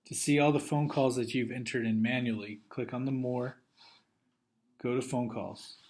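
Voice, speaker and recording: Taking things one step at a time, a man narrates software training instructions in a trainer's methodical style. His voice is mid-range with fairly even intonation and a moderate pace.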